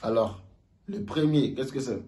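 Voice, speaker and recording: A man giving a casual video lesson on Mandarin sounds, slowly repeating each sound aloud for learners. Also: medium pitch, big pitch swings, mellow. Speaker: Mandarin teacher.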